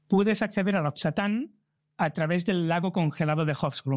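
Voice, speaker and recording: Earnest Spanish man from Barcelona, higher voice. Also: no echo, clean studio sound. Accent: Spain. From Barcelona, Spain. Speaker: travel content creator and trip organizer. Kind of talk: conversational interview answers.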